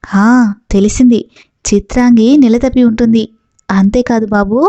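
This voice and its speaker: A woman reading the lines of a timid, flattering male servant who pleads and fawns. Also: on the high side, normal speed, dry recording, highs cut off, lightly acted. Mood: fawning.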